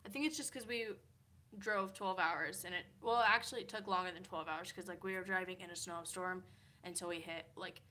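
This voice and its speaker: Her voice is lowish, a touch quick, pushed and bright. She's a tired twenty-something from Kansas, USA, casually going through comments on a hotel-room livestream, rambling, laughing a lot, and saying "like" constantly.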